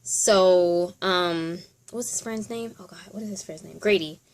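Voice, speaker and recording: A woman's voice: lowish voice, a little slow. A woman hosting a casual top ten countdown, chatting informally and thinking aloud as she gives her commentary. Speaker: video host.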